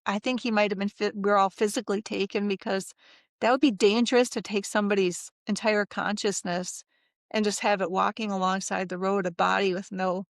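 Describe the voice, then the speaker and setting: A middle-aged woman recounting a personal experience in a casual interview, animated and acting out what others said, with frequent laughs. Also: medium pitch, brisk, no echo, clean studio sound. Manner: animated, acts out quoted voices, laughs often. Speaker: interview guest.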